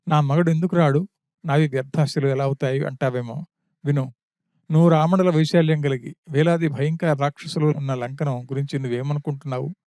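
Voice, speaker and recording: Boastful demon king, read by a man, coaxing, mellow voice, fairly high, dry sound. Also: no echo, close to an everyday voice. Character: arrogant male demon king wooing a captive.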